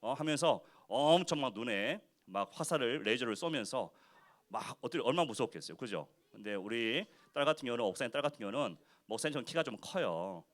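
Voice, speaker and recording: A male pastor leads a children's worship sermon, his voice swinging widely up and down in pitch. He talks in an animated way, keeps firing questions at the kids, and acts out other people's lines in quick little voices. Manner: acts out quoted speech in short voices. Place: church worship service for children.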